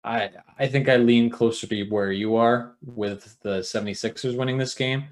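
A man hosting a sports talk show in an easygoing, joking way. His voice sits mid-range in pitch. He moves the talk along by asking his co-host questions. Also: steady tone, normal speed. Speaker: podcast host. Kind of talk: casual sports chat.

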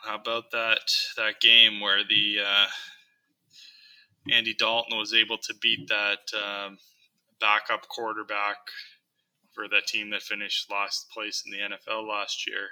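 A young man co-hosting a casual sports podcast, speaking in a halting, deadpan way full of ums and restarts. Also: on the low side, low-quality recording. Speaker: podcast co-host.

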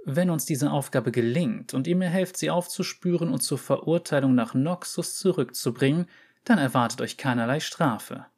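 A man reading an audiobook story, voicing a calm, unsettling female runesmith who speaks with measured authority. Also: fairly high pitch, breathy edge. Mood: calm, authoritative.

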